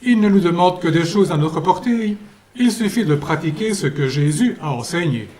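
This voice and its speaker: A man playing a gentle, fatherly saint. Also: sits high. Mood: benevolent. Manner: calm, pious, measured preaching. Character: gentle, fatherly male saint at heaven's gate.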